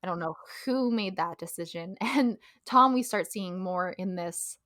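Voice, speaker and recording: A woman's voice: on the low side, unhurried, a bit bright, no echo, studio quality. A young woman co-hosting a podcast in casual chat, talkative and laughing often, trailing off with ums. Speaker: podcast co-host.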